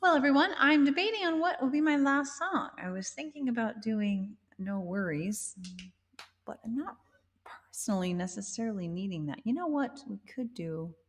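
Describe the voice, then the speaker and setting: A woman's voice: fairly high pitch, expressive, moderate pace, big-room sound. A woman singer-songwriter chatting casually with livestream viewers, rambling and amused at herself. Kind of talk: casual chat with live viewers.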